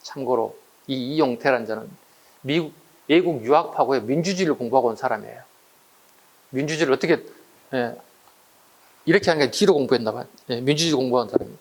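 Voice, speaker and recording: A man's voice: medium pitch, quick pace, long pauses. A man teaching an exam-prep history lecture, chatty and full of rhetorical questions to his students.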